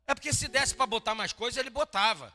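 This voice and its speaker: Male Rio pastor, bright fairly high voice, animated sermon, church hall reverb, soft guitar underneath. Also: fast talker. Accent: Brazilian Portuguese, Rio de Janeiro. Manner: animated preaching, swings from quiet to loud, jokes with congregation. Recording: long hall reverb, faint guitar behind.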